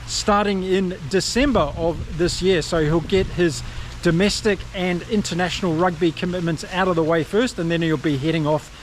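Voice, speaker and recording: A man with a New Zealand accent gives upbeat, chatty rugby commentary straight to camera, addressing his viewers directly. His voice sits high with a steady tone and moderate pace, and there's a little hiss or hum in the recording.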